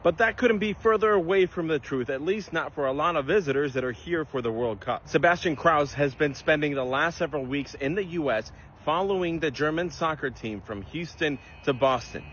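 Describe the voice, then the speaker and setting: Male reporter, slightly high voice, measured news read, muffled with light hiss. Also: fairly bright tone.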